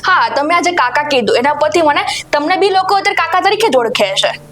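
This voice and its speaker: A woman interviewer with a high voice asks quick, prompting questions. She talks fast, and faint music plays behind her. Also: animated, fairly bright tone. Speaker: interview host.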